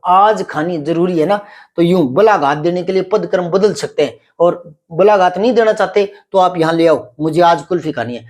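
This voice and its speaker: A middle-aged man teaching Hindi grammar, explaining patiently, repeating example sentences slowly and quizzing a pupil. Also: high-pitched, a little mellow. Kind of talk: classroom grammar lesson.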